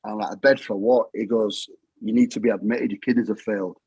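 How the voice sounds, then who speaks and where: Husky Yorkshire man telling his story. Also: fairly low pitch, fairly even intonation, fast talker, darkish tone, dry recording, poor audio. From England. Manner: plain-spoken, repeats himself, matter-of-fact. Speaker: guest. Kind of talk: casual storytelling.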